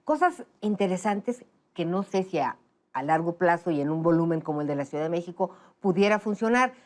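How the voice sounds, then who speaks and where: A woman's voice: lowish voice, expressive, a little fast, a little mellow. A woman, hosting a talk show interview and asking long, rambling, conversational questions. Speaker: interview host.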